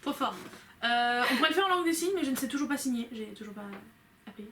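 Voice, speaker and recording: Young woman, casual co-host, chatty and teasing, a touch high-pitched, faint noise behind. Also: expressive, quick pace, fairly bright tone. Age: young adult. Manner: chatty, teasing, often drops to a low murmur. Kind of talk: casual chat.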